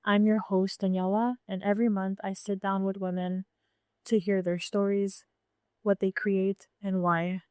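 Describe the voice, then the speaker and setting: Smooth-voiced woman hosting an interview. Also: mid-range voice, level tone, warm tone. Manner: measured, polite, welcoming. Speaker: podcast host. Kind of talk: scripted intro and interview questions.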